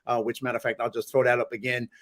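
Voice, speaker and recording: A man's voice: medium pitch, little pitch movement, racing, fairly bright tone. A man from the Bronx, hosting a podcast and putting questions to his guest in a conversational way. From New York (the Bronx). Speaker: podcast host. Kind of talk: interview questions.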